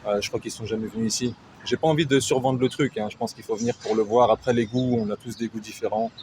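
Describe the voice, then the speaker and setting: A man's voice: fairly low pitch, steady tone, fast talker, a little mellow. Guy from france and canada chatting in an interview, informal, lots of opinions, noisy outdoors. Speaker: interviewee, anonymous expatriate client. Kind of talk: casual testimony. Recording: outdoor recording with clear street noise.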